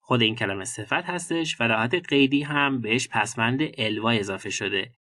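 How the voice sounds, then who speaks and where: Bright-voiced teacher. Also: male voice, mid-range voice, animated, no echo. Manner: reads English slowly and clearly, explains in Persian. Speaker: English teacher. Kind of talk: bilingual vocabulary lesson.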